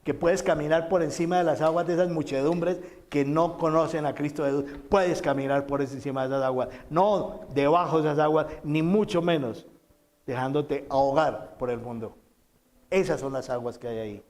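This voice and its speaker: Emphatic Spanish-speaking pastor preaching. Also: male voice, moderate pace. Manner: emphatic preaching with repeated phrases and dramatic quotes; swings between loud quoted lines and soft low asides. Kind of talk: sermon.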